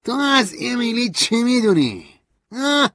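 A shrill, loud grown man, bitter and volatile, who drawls his jabs slowly and bursts into shouts. The voice sits far above a normal male register, and the recording is dry and close. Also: very animated, no room sound. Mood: angry. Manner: sneering, drawn-out and shouting.

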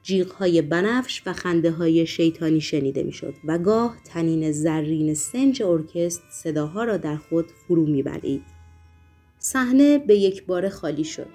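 A woman reading a novel aloud in steady, measured scripted narration. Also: lowish voice. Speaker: audiobook narrator. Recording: faint background music.

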